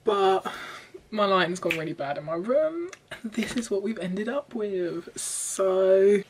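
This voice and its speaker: A young woman doing a chatty, self-deprecating makeup vlog in her bedroom, sometimes breaking into excited squeals. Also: medium pitch, takes it slowly, a little hiss or hum. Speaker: beauty vlogger. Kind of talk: chatty get-ready-with-me vlog.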